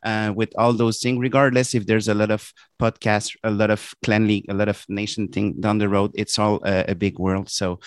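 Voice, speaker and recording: A man with a French Canadian accent, a native French speaker, chatting effusively on a podcast in halting non-native phrasing. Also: fairly low pitch, level tone, smooth, no room sound, studio quality. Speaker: guest, competitive gamer and community organiser. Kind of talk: casual podcast chat.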